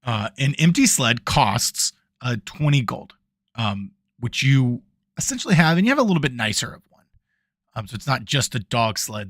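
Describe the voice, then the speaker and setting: A man's voice: mid-range voice, no room sound. A man running a tabletop game as dungeon master, rambling with lots of ums, his voice fading as he moves off the mic. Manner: rambling, full of ums and restarts; moves around, voice swells and fades off the mic. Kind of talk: casual tabletop game narration. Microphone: new desk microphone.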